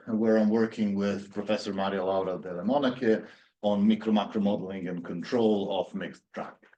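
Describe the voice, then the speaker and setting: A man's voice: fairly low pitch, darkish tone, muffled recording. A man in his thirties from Serbia, giving an academic lecture with many fillers and restarts. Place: university seminar room.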